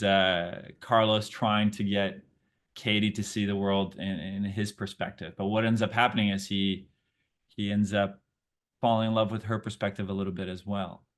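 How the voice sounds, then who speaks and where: This man, an actor from Brazil with Portuguese as his first language, responds to interview questions in a friendly, talkative way, working out his thoughts aloud. His voice is fairly low and a bit bright.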